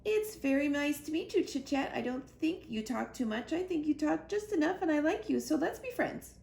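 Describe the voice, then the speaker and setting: A woman plays a young gosling boy in a children's storybook, earnest and eager with polite sweetness. The pitch is high and lively, with noise behind the voice. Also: moderate pace. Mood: polite, friendly. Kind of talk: children's storybook read-aloud. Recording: roomy echo, clear background noise.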